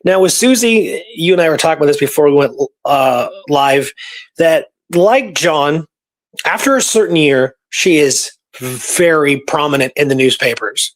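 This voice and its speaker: A podcast host talks casually about history in an informal, explanatory way, repeating points for emphasis. His voice is a little high and expressive, at a moderate pace.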